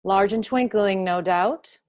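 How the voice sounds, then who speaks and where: A woman's voice: medium pitch, slow pace, darkish tone, lightly acted. An actress playing a pious, disapproving mother with a sardonic, clipped manner in a period drama reading. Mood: dry, sardonic. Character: tart, pious, disapproving mother of grown daughter.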